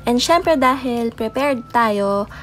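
A woman's voice: a little high, lively intonation, slow pace. A young woman chatting through a voice-over and mixing in English words as she shows baby items. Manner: chatty, mixes in English words, soft late-night voice. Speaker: mom vlogger. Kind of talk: casual voice-over show-and-tell. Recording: voice-over with faint music behind.

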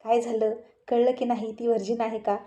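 A woman's voice: on the high side, flat delivery, brisk, mellow, natural voice. A woman reading the part of a crude, teasing male friend who banters on the phone.

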